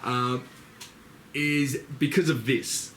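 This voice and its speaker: A young man hosting a casual podcast, talking in a relaxed, rambling way with plenty of fillers. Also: medium pitch, slow pace, very noisy. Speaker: podcast host. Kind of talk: casual chat.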